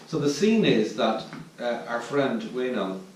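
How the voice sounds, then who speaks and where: A man with an Irish accent giving a reflective dharma talk as a Zen teacher at a retreat, pausing to search for his words. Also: mid-range voice, very animated. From Ireland. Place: meditation hall at a retreat centre. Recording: distant mic in a very echoey room with faint noise.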